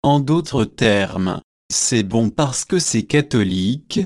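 Guy reading an earnest young debater, slow and measured. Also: medium pitch, animated, darkish tone.

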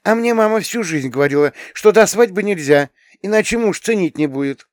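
A spirited teenage girl, blunt and proud, her voice pitched high and pushed loud. She scolds with quick indignation, as a male reader puts her on for an audiobook. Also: animated, no echo, clean studio sound. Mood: indignant.

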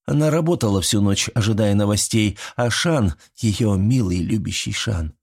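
A man reading an audiobook in measured, scripted storytelling. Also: on the low side, expressive, a little mellow. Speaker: audiobook narrator. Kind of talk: scripted narration.

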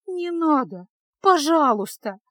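A woman's voice: high-pitched, animated, moderate pace, dry recording. A woman reading a storybook, voicing a naive, hot-tempered young village girl who speaks up indignantly. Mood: pleading. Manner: pleading, indignant, raised voice.

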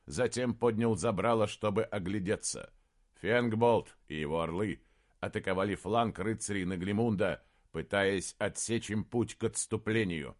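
A man's voice: on the low side, normal speed. Man narrating an audiobook. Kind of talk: scripted narration.

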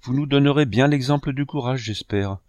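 A man reading an audiobook, voicing a grave young servant woman who talks briskly and confidingly. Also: medium pitch, a little mellow, dry recording, pitched above the performer's own voice, lightly acted. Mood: urging.

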